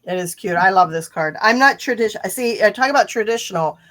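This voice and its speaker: A woman's voice: mid-range voice, lively intonation, a little fast, fairly bright tone. A woman co-hosting a cardmaking video, explaining the monthly kits and chatting in an upbeat, joking way. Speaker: cardmaking co-host. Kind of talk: casual crafting chat.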